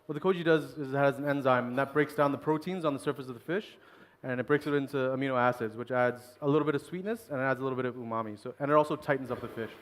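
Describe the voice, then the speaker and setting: A man's voice: mid-range voice, very fast. A man working as a chef, explaining a technique during a live cooking demonstration, with many "uh"s and "so"s. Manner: explanatory, fills with "uh" and "so". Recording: long reverb in a large hall with faint noise.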